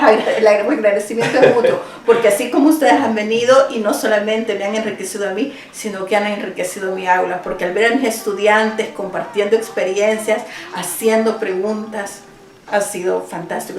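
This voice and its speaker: Earnest Salvadoran-born teacher, roomy distant sound. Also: female voice, medium pitch, steady tone, a little fast. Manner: earnest, thoughtful, with small restarts. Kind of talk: interview answers. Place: at home.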